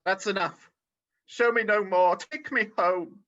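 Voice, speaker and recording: An actor playing a defensive, anguished old male miser in a radio-style drama read over a video call, halting and pleading. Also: medium pitch, a bit bright, natural voice. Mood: distressed pleading. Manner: halting, pleading, swings in emphasis. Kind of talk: rehearsed radio-script drama reading. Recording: dull lo-fi video call audio.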